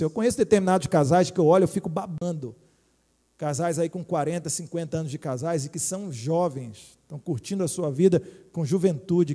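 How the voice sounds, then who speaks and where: A Brazilian man in his forties, a pastor preaching a lively, joking sermon and speaking straight to his congregation. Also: on the high side, in a large hall. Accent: Brazilian Portuguese. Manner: lively, jokey preaching with direct appeals to the congregation. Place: church hall.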